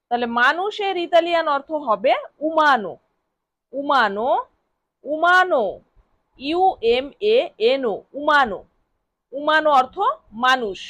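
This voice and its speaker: A woman's voice: high-pitched, fairly bright tone, no room sound. A woman teaching vocabulary. She repeats each word several times, spells it out letter by letter, and asks questions that she answers herself. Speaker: language teacher. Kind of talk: vocabulary lesson.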